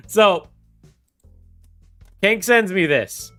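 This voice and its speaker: A man with a high, somewhat bright voice streams a game and chats casually with his viewers. He rambles, laughs often, and talks straight to chat.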